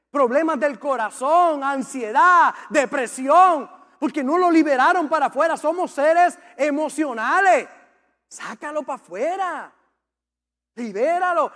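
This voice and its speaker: A man's voice: very high voice, fairly bright tone. A man preaching a sermon as a pastor, impassioned and repetitive as he urges the congregation on. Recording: long reverb of a large hall.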